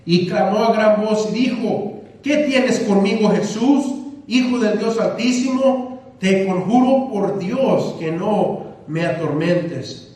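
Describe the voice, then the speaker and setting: High-voiced preacher in an echoey church. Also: male voice, slow, darkish tone. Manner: preaching with emphatic repetition, addressing the congregation as brothers. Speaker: pastor. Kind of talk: sermon. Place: church sanctuary. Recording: echoey church hall, mic at a distance.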